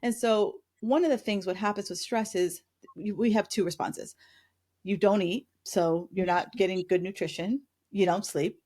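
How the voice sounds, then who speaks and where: A woman's voice: medium pitch, steady tone, normal speed, darkish tone. A middle-aged woman coaching on diet in casual interview chat, emphatic and blunt, often restarting her sentences. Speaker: guest, weight coach.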